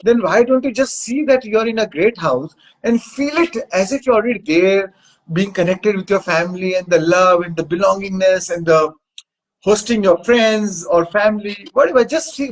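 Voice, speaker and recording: Husky Indian-accented spiritual coach. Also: medium pitch, moderate pace, rough recording. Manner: emphatic, repetitive, rhetorical questioning. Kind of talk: motivational spiritual teaching.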